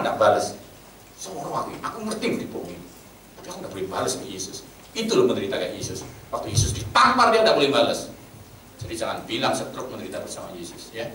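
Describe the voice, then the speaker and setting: Animated preacher with Javanese-tinged speech. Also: male voice, lowish voice. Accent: Javanese-tinged Indonesian. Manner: blunt, animated, jumps between loud and hushed. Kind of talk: sermon with storytelling. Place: church meeting hall. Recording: roomy echo, from a distance, faint background hum.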